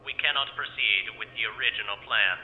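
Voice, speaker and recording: A man playing a prim, principled doctor in an audio drama, formal, deliberate and deadpan. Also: lowish voice, narrow, tinny audio, lightly acted. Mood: stiffly earnest. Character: prim, principled male doctor, earnest and stiff. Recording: hollow reverberant sound with clear noise.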